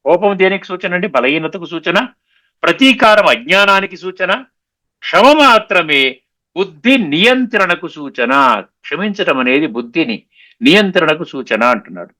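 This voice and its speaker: Bright, lively-voiced man giving a spiritual discourse. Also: sits high, normal speed. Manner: explanatory, often checks "understood?" with listeners; mixes English words into his talk. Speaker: spiritual lecturer.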